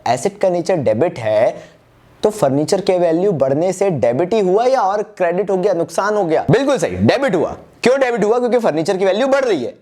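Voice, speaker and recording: A man's voice: high voice, darkish tone. A man teaching an online accounts class with an Indian accent, chatty, calling students "yaar" and answering his own questions. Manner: calls himself "Baba ji". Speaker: commerce teacher.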